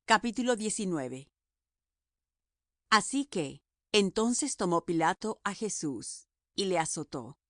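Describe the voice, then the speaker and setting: Female audiobook narrator, solemn measured scripture reading, dry booth sound. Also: mid-range voice, very animated, fairly bright tone, dry recording.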